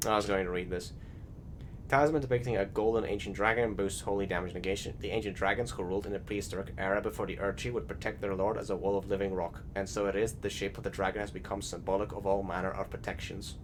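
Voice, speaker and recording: Talking fast in a low, steady voice, a gaming channel host gives loose, rambling voice-over on a video game, frequently hesitating as he searches for words. Music runs behind his voice, and the background is noisy.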